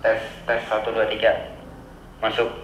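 A man's voice: fairly low pitch, monotone, unhurried, reverberant, background noise. A man doing a short radio check, his voice coming through a walkie-talkie speaker. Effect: heard over a walkie-talkie.

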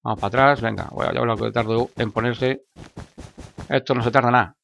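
A man's voice: medium pitch, steady tone, brisk, vocal fry, fairly bright tone, a little hiss or hum. A man with a Spain Spanish accent, chatting playfully through casual gameplay commentary and making silly sound effects. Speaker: gaming YouTuber.

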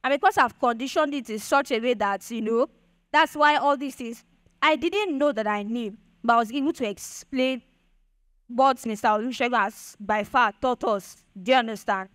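A woman's voice: on the high side, moderate pace, fairly bright tone, no echo. A young woman with a Nigerian accent giving a chatty motivational talk to an audience, often checking "do you understand?". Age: young adult. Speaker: speaker at a Bitcoin event.

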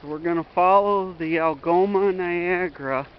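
A man vlogging outdoors from a riverbank, narrating a passing ship in a slow, friendly play-by-play. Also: sits high, smooth, lo-fi sound. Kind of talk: casual narration while filming.

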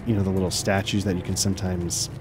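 A man's voice: sits low, flat delivery, quick pace, background noise. A man hosting a let's play, talking casually over a video game in an offhand, rambling way. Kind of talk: casual gameplay commentary, reading game text aloud. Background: game music.

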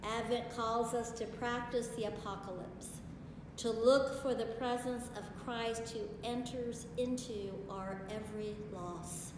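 A woman in her sixties, a pastor, delivers a sermon in a slow, deliberate cadence with long solemn pauses. Her voice sits fairly high and rings through a large stone church, picked up from a distance with a long, roomy reverb and steady background hiss. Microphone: far camera. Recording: echoey church from far off, hiss.

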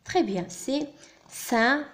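A woman teaching a primary school French lesson, reading words slowly and clearly, spelling out sounds and quickly translating each line. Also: sits high, animated.

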